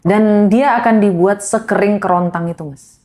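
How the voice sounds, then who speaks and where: A woman speaking as a podcast guest in a casual religious motivational talk, animated and preachy, often addressing the host directly. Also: medium pitch, moderate pace.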